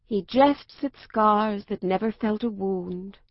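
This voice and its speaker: A woman's voice: fairly high pitch, very animated, normal speed, gravelly, no room sound, muffled recording, voice pushed up, full character voice. A woman voicing a bookish older girl who speaks gloomily and dramatically. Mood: gloomy.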